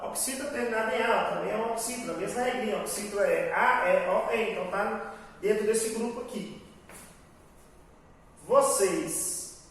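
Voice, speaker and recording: A man's voice: high voice, a bit bright. A man with a Brazilian Portuguese accent teaching grammar in an online class, explaining patiently and often checking in with the class. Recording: very echoey room, voice far from mic, faint hiss.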